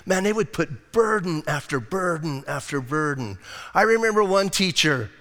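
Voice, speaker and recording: A man's voice: on the high side, lively intonation, moderate pace, a bit bright. An older man preaching a sermon as a pastor, conversational and emphatic, with frequent casual asides. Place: church sanctuary. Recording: long church reverb.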